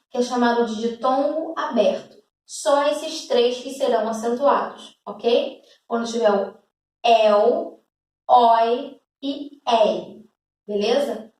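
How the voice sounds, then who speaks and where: Slow, patient woman teacher, Brazilian accent. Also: fairly high pitch, a little mellow. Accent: Brazilian Portuguese. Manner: patient, repeats examples, checks understanding with "tá?". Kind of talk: grammar lesson. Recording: echoey room, voice from a distance.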